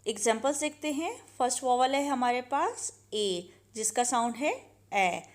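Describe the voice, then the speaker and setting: A woman teaching a phonics lesson, carefully spelling out each sound slowly. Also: high voice, animated.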